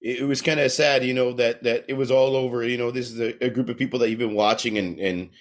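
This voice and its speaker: A man's voice: medium pitch, fairly even intonation, quick pace. A young man co-hosting a podcast, talking casually and rambling, repeating words as he goes. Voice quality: gravelly, swearing freely. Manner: rambling, repeats words, laughs at recalled jokes. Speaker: podcast co-host. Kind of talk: casual chat.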